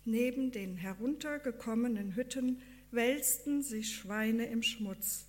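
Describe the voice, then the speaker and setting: A woman reads a devotional story aloud, calm and earnest. Her pace is slow and measured, her voice sits fairly high, and every sentence is carefully laid out.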